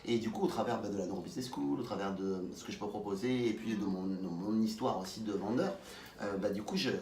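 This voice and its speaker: A man's voice: on the low side, quick pace, darkish tone. A man with a lisp on his s sounds, speaking conversationally as an interview guest and often stumbling over and restarting his words. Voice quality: lisp, slurred s. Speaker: interview guest, sales coach. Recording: roomy echo, distant mic, faint noise.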